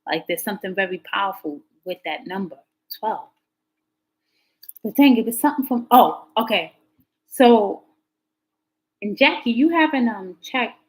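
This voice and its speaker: A woman runs a live tarot stream, talking easily with her viewers and wandering through stories, her pitch leaping whenever excitement hits. She takes her time, with long pauses, and the recording is rough.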